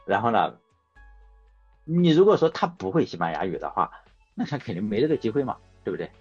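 Husky, lively-voiced man chatting. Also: on the low side, fairly quick. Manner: rambling, anecdotal, self-correcting. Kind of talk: casual chat. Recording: dull lo-fi sound with faint music.

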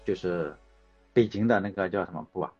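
A man with a low, breathy voice hosts a casual chat show, talking a little fast as he rambles through anecdotes and corrects himself along the way. The recording sounds dull and lo-fi, with faint music.

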